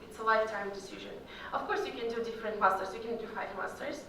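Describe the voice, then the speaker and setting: A young adult alumna from Kyrgyzstan, whose native tongue is Russian, gives casual, filler-laden replies to students at a Q&A. She speaks fast in a slightly high voice with a sharp tone. The recording is distant and roomy, made in a large echoey hall with slight background noise.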